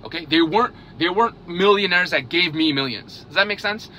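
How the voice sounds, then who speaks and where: A man's voice: high-pitched, a little fast, sharp tone, slight background noise. A man in his thirties, raised in Hungary, talking casually to camera and checking in with "okay?" after nearly every point. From South Korea, raised in Hungary. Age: 30s. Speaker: vlogger on investing. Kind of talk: casual direct-to-camera talk.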